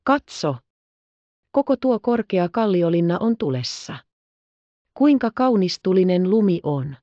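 A woman voicing an excitable, tender-hearted little orphan girl in an audiobook, exclaiming and pleading. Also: fairly low pitch, no echo, highs cut off, natural voice. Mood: awed excitement. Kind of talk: audiobook character reading.

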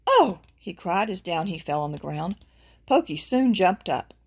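A woman reads a children's picture book aloud, her voice gravelly and husky. Her pitch rises and falls in a lively, expressive way as she points out what is on each page. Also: normal speed. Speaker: storybook reader.

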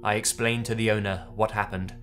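A man's voice: on the low side, level tone, brisk, fairly bright tone, faint music behind. A man reading a horror story aloud in the first person, tense and dramatic. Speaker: narrator. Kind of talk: scripted horror story narration.

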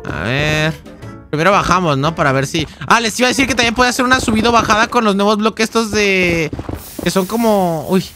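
A man's voice: high voice, expressive, fairly quick, music in the background. A young man with a Mexican Spanish accent, casually thinking aloud and chatting while streaming a game. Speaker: gaming streamer. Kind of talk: casual live-stream commentary.

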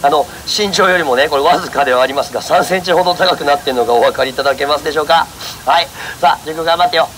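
A man's voice: fairly high pitch, racing, a bit bright. A man performing a street monkey show, jokingly scolding and coaxing his monkey while politely talking to the audience. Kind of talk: live street show banter with a crowd. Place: outdoor autumn festival. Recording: noisy outdoor festival ambience.

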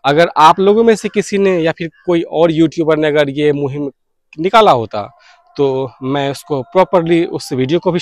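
On the high side, this man's voice comes through clean and studio-like, with no room sound, via a clip-on lapel mic. He's in his thirties, a radio hobbyist vlogging to camera from an open balcony or rooftop beside fields. He explains things earnestly and casually, mixing in English words.

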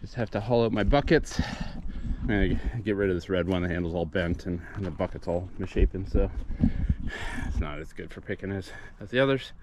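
A man's voice: deep voice, fairly quick, noisy background. A middle-aged man vlogging outdoors in a forest, talking plainly to a camera held at arm's length, restarting his sentences now and then. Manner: plain, matter-of-fact, with repeated restarts. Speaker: volunteer cleanup vlogger. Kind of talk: casual vlog narration.

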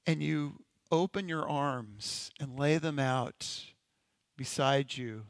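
In a church sanctuary, a male pastor with a mid-range voice guides his congregation through a slow, gentle imagery meditation as part of a sermon. There's no echo on the recording.

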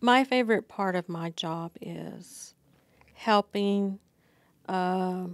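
A middle-aged woman talking as an interview guest in a small studio, unhurried and full of fillers. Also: fairly low pitch, no echo. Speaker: district receptionist, guest. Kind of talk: casual interview. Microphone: podcast mic on boom arm.

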